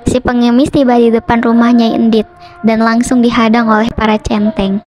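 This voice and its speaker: A young woman narrating a folk legend in a steady storytelling manner for a school drama. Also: a little high, normal speed. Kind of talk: reading a folk legend aloud.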